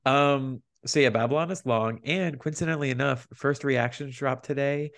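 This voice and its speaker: A man's voice: medium pitch, moderate pace, a bit bright. A man co-hosting a podcast, chatting casually about movie news and box office figures. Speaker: podcast co-host.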